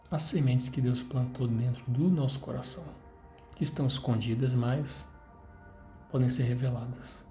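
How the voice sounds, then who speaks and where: A man's voice: medium pitch, dark tone. A young man in his twenties with a Brazilian Portuguese accent, giving an earnest personal faith testimony to his viewers and repeating phrases as he urges them on. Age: 20s. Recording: roomy echo, faint music behind.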